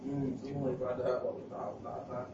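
A man's voice: medium pitch, flat delivery, normal speed. A man giving a mosque lecture in a chatty, storytelling manner, often checking in with the audience. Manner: conversational, with frequent fillers and questions to the audience. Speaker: religious teacher. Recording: echoey hall, distant mic, dull lo-fi sound with hiss.

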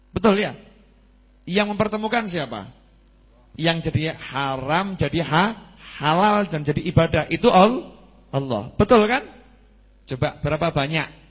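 A man's voice: on the high side, slightly rough. A man preaching at a mosque study gathering, telling stories, acting out dialogue and asking the audience questions. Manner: lively storytelling with questions to the audience; acts out quoted dialogue. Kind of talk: Islamic study sermon.

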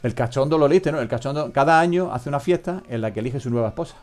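A man's voice: medium pitch, fast talker, a little mellow. A man hosts a loose, comedic radio chat at a studio mic. His talk rambles, drifts into jokes and often trails off unfinished. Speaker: podcast host.

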